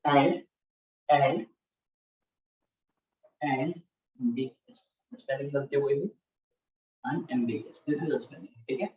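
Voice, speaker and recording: A man's voice: medium pitch, very slow, long pauses. Echoey distant male teacher lecturing. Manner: repeats terms and keeps checking understanding. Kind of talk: classroom lecture. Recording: distant, echoey, dull-sounding classroom recording.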